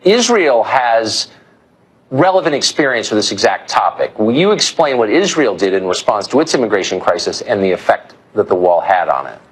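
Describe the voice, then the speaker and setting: A man's voice: fairly low pitch, big pitch swings, normal speed, breathy edge, poor audio. A man hosting a cable news show, delivering emphatic commentary with rhetorical questions, then interviewing a guest.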